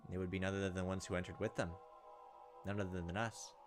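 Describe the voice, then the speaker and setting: A let's player reads visual novel text aloud and slips in casual asides between lines. His low voice is flat and fast, with faint music behind it.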